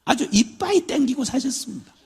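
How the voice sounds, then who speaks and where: An older missionary preaches a sermon full of humorous storytelling, acting out voices, including his father's drunken shouts. His voice is very high-pitched and husky, fairly quick, with big swings in pitch.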